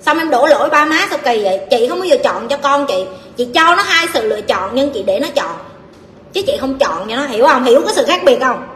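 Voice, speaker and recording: Blunt high-voiced Southern Vietnamese woman lecturing. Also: animated, a little fast. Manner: blunt, forceful, scolding lecture with coarse address. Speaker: life coach answering audience questions. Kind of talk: livestream Q&A advice talk. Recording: echoey hall with faint background noise.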